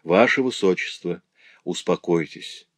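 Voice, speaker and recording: Guy reading as a calm doctor, measured and reassuring, dry sound. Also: low voice, no room sound. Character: calm devoted male doctor.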